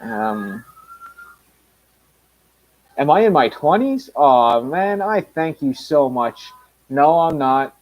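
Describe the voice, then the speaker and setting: Hosting his own channel, a thirtysomething man rambles through a casual live stream, full of fillers and false starts. He speaks slowly with long pauses, in a slightly high voice with big pitch swings, and the sound is lo-fi.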